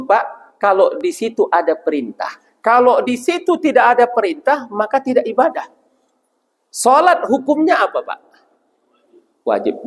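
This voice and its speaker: Male preacher, high and animated voice, quizzing the congregation in a reverberant hall. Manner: asks the audience questions and answers them himself; addresses listeners as Pak. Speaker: ustaz preacher. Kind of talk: religious lecture to a congregation.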